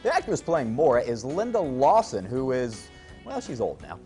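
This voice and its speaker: A man's voice: medium pitch, wildly swooping pitch, normal speed, dark tone. Horror show host guy, wry jokey banter, voice swoops all over, music under. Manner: joking, wry. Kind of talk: casual banter.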